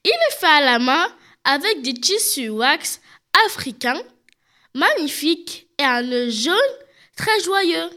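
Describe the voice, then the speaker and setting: High bright-voiced woman host with a cold. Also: big pitch swings, slow pace. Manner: addresses viewers directly, describes items in detail. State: stuffy with a cold, coughing. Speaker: show host presenting products. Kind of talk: scripted product presentation.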